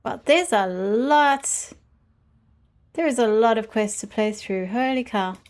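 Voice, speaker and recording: A woman's voice: fairly high pitch, takes it slowly. A woman livestreaming a game, giving casual commentary and reading quest dialogue aloud. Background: game music.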